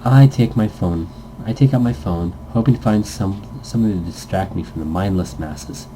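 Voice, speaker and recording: A man with a lowish voice casually reads a visual novel script aloud as narration at a moderate pace, against a noisy background. He trips over words now and then, corrects himself, and throws in jokey asides.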